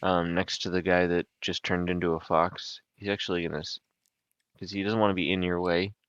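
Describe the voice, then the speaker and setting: A man's voice: low voice, level tone, fairly quick, a bit bright, clear, resonant tone, no echo, lo-fi sound. A man running a tabletop game as game master over an online voice call, hesitant with many ums, joking in a sports-commentary way.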